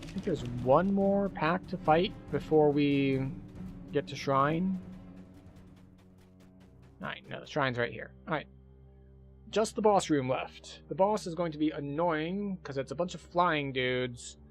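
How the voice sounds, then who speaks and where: A man's voice: fairly high pitch, unhurried, long pauses. A man giving casual commentary while he plays a video game. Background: game music.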